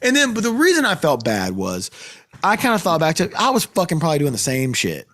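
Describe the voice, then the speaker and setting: A man's voice: fairly high pitch, fairly quick. A man, a podcast host, telling a story in a casual chat, swearing often and raising his voice when worked up. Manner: animated, profane, voice climbs when worked up.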